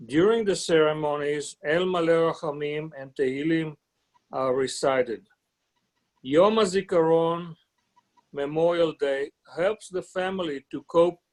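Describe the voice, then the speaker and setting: A man speaks slowly and gravely, in a voice pitched a little high. He reads out his prepared remarks in measured, solemn phrases. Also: poor audio. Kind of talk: prepared memorial talk.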